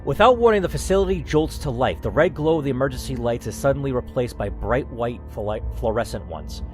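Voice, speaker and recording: Faint music plays behind a man reading an interactive story game aloud in the first person, brisk and medium-pitched with lively intonation. Between passages he pauses to think through his choices out loud, cursing occasionally.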